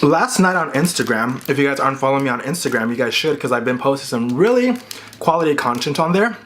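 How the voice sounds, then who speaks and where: A man's voice: mid-range voice, expressive, fast. A man talks casually and candidly as a vlogger, chewing as he speaks, with "like" peppered through his sentences. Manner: chewing and talking with his mouth full. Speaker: vlogger hosting an eating video. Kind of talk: casual chatty mukbang vlog. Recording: clear background noise, dish clinks and clicks.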